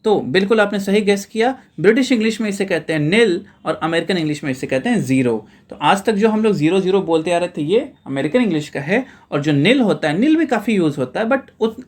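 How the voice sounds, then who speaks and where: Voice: mid-range voice, expressive, a little fast, hardly any pauses, a little mellow. A teacher from India explaining a vocabulary lesson, often calling the viewers friends and repeating reminders to remember each word. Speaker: English teacher.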